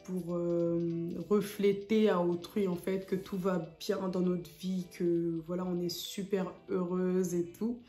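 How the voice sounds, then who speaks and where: A woman's voice: lowish voice, level tone, slow pace, few pauses, dark tone, roomy sound, faint music behind. A young woman from French Guiana talking casually to camera as a vlogger, hesitant with many fillers.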